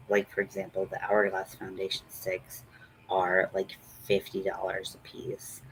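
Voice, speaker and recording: A man with a slightly low voice hosts a casual makeup tutorial. He speaks very slowly, rambling and poking fun at himself. Faint noise sits behind his voice. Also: a bit bright, low-quality recording. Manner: rambling, self-deprecating. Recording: noticeable background noise.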